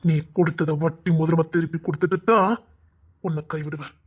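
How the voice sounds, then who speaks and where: A man's voice: a little high, steady tone, fairly quick, slightly rough. A man doing a menacing vengeful thug. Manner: threatening, drops to a hiss. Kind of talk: one-man audio story acting.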